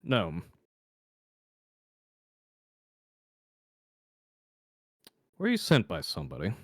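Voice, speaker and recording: A man's voice: low-pitched, wildly swooping pitch, brisk, dry recording, clean studio sound, voice pushed down, exaggerated voice. A man voicing a smug, well-connected halfling nobleman who speaks in a nonchalant, lordly drawl. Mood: cool.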